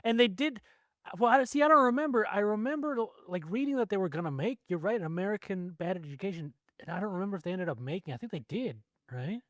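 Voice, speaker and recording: Casting: male co-host, fairly high voice, rambling, self-correcting chatter, dry close sound. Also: expressive, fast talker, a bit bright, dry recording. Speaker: podcast co-host. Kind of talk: casual chat.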